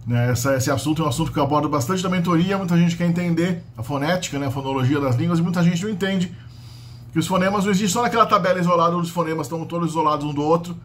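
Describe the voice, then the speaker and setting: Brazilian man, slightly high voice, casual explanatory lecturer. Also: rapid-fire, a little hiss or hum. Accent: Brazilian Portuguese. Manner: explanatory, frequent "né?" tags and restarts. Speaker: linguistics teacher. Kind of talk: unscripted lecture.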